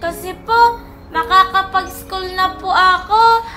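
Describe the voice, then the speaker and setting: A polite little cartoon princess, voiced by a woman with a very high, bright, childlike voice. She speaks slowly and eagerly. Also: fairly even intonation, soft background music, heavily acted. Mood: sweet. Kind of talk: animated story voice acting.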